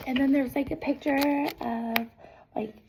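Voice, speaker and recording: A woman with a voice affected by being sick gives a gentle, encouraging whispered ASMR pep talk, reading affirmations aloud with casual asides in an unhurried way. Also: sits high, steady tone, gravelly, background noise. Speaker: ASMR creator.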